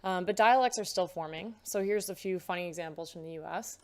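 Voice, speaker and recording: A woman's voice: fairly low pitch, fairly quick, slight background noise. A young woman giving a recorded lecture, explaining terms patiently with frequent filler words.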